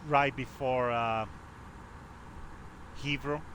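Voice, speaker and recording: A man's voice: medium pitch, fairly even intonation, very slow, fairly bright tone, slight background noise. A man giving casual, unscripted flight simulator commentary in hesitant, trailing phrases.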